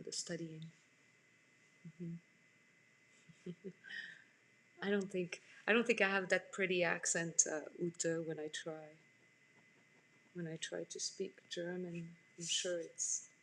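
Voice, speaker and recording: Her voice is gravelly and fairly low, and the rough recording carries a little hiss or hum. She is a Frenchwoman in her forties teaching art on a live stream from indoors at home, drawing while she chats casually and replies to comments from viewers.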